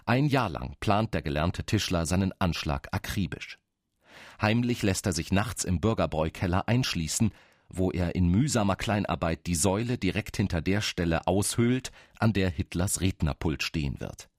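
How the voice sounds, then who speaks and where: Low-voiced male documentary narrator. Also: lively intonation, normal speed, no echo, studio quality. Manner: sober, factual. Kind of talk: scripted narration.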